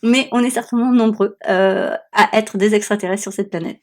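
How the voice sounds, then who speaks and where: A woman's voice: medium pitch, fairly even intonation, fairly quick. A woman podcast host talking reflectively and conversationally, with a small, stuffy-nosed voice affected by swollen tonsils. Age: adult, has children. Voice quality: congested, slightly nasal small voice. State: sore throat, swollen tonsils, blocked stuffy nose. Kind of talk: conversational solo podcast monologue. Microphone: newly bought podcast microphone.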